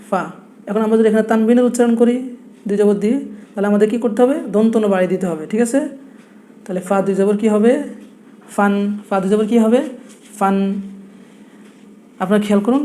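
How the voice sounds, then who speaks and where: This Quran teacher is a young man whose mellow voice sits high, with a Noakhali Bengali accent and a little background noise. At the blackboard, he patiently repeats every point, posing rhetorical questions as he teaches.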